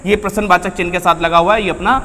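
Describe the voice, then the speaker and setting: A man's voice: high voice, fairly even intonation, fast talker, pushed and bright, in a large hall, slight background noise. A man teaching a Hindi grammar lesson to students, asking questions and answering them himself and calling them "beta" and "bhaiya". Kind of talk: classroom lecture.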